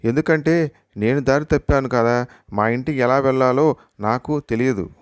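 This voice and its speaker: A man's voice: medium pitch, moderate pace, smooth, no echo, studio quality, natural voice. A man voicing a lost ten-year-old boy in a joke, without changing his voice. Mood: plaintive.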